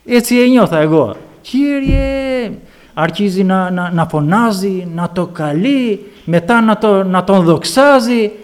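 A man preaching a sermon, fervently telling his own story and calling out hallelujahs to the congregation, moving between loud exclamations and quiet storytelling. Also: high-pitched, few pauses. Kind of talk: sermon with personal testimony.

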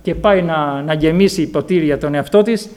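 A male preacher with a slightly high voice delivers a fervent sermon, telling his own story to the congregation. He rises to loud, ringing exclamations of praise, then drops into quiet, confiding storytelling. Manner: fervent, repeated hallelujahs and calls to the congregation. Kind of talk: sermon with personal testimony.

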